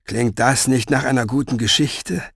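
A man reading an audiobook, voicing a wounded grown man who speaks slowly, quietly and firmly. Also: fairly even intonation, creaky, breathy edge, dry recording, studio quality. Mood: gentle. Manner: slow, low, quietly firm. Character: weary, wounded grown man, defiant and calm.

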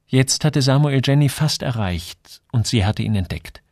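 A man narrating a story in an expressive storytelling manner, his pitch moving up and down a great deal. The recording is dry and close, with no room sound. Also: unhurried, no echo. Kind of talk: scripted narration.

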